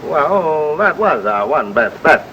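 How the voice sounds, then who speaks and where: A blunt police sergeant in 1930s film style. He is sure of himself and slangy, with a very animated pitch. The soundtrack is dull with faint hiss. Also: slow, exaggerated voice. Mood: businesslike. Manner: blunt, self-assured, slangy. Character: cocksure, deferential, plain-spoken American police sergeant.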